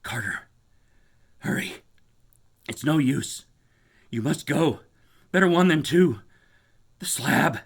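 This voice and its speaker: A terrified man trapped in a tomb in a horror story. His hoarse voice is pitched well up and quavers as he pleads in short, urgent bursts. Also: expressive, slow, pauses often, heavily acted. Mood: urgent pleading. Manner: breathless short exclamations and pleas. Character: terrified doomed man calling up from a tomb by telephone.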